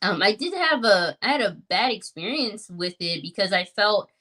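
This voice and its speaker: A woman's voice: medium pitch, expressive, moderate pace, pushed and bright. A woman in her thirties sharing her personal story in a podcast conversation, reflective and earnest, with many fillers.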